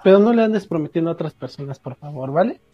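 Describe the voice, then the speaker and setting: A man co-hosting a casual podcast, protesting and joking in quick repeated bursts. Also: a little high, lively intonation, muffled recording, over loud music. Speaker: podcast co-host. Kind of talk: casual chat.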